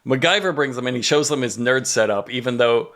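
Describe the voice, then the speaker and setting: A man's voice: medium pitch, a little fast, a bit bright. A man hosting a podcast, recapping a show in casual comedic chat with sweary, incredulous exaggeration. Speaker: podcast host recapping a TV episode.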